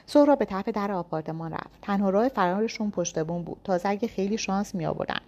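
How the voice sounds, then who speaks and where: A woman's voice: medium pitch, darkish tone. A woman reading a first-person thriller story aloud with tense, dramatic storytelling. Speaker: narrator.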